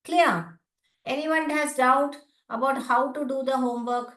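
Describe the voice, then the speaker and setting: Indian woman teacher, slow and echoey. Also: sits high, fairly even intonation, fairly bright tone. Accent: Indian English. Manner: slow, spelled-out sounds with repeated checks of "clear?". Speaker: phonics teacher. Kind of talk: online class lecture.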